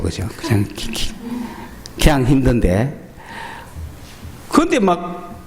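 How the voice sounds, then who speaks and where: A male pastor with a Gyeongsang Korean accent, preaching a sermon in an animated storytelling way, often asking the congregation questions. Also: on the high side.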